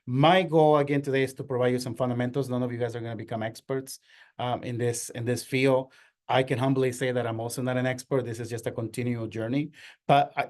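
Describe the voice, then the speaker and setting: A man's voice: mid-range voice, a little mellow. Middle-aged man from Ecuador, earnest workshop presenter, hesitant with fillers, mid-range voice. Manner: earnest, many fillers and restarts. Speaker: workshop presenter, marketing agency owner. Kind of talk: workshop lecture.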